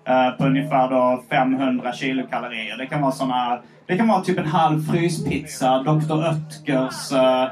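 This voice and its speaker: This podcast host speaks in a steady, mid-range voice with few pauses, though he still leans on plenty of hesitant fillers while chatting on stage and reading out listener letters to a live crowd. A handheld mic held at a distance gives the audio a rough quality.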